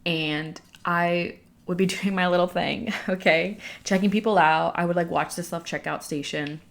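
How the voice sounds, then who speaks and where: Young woman, lowish voice, out of breath, heavy breathing, casual vlog storytelling, chatty, candid, filler-heavy. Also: fairly even intonation, moderate pace, vocal fry. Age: young adult. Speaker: vlogger speaking to followers.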